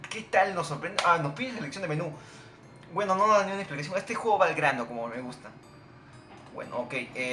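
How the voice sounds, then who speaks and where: Guy yelling at a video game, lively up-and-down voice, game music behind. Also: on the high side, echoey room. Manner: excitable, swearing, shouting at the game. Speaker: gamer playing a game on video. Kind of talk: live gameplay commentary.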